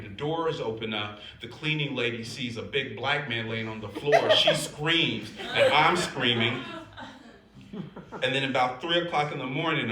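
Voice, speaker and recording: An older man doing stand-up comedy, animated, shifting between loud laughing punchlines and quiet somber asides. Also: medium pitch. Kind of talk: stand-up storytelling. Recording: echoey room with faint noise.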